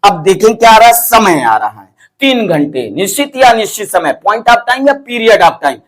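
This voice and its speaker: A high-pitched man teaches an English grammar lesson. He keeps quizzing his class, repeating each question and then answering it himself in a coaxing, animated way. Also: unhurried.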